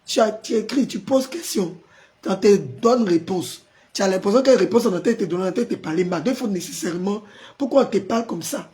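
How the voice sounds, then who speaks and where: A pastor hosting a live stream, hoarse from a sore throat and forcing his voice out as he chats with viewers and answers their comments. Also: sits high, animated, brisk, dark tone. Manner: chatty, greets viewers by name and answers comments.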